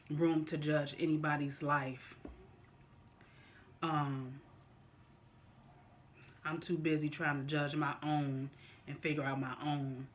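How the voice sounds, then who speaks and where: A mid-pitched vlogger shares opinions casually with viewers. The delivery is slow and deliberate, halting often and circling back to rephrase. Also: a little hiss or hum. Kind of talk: casual opinion talk to viewers during a mukbang.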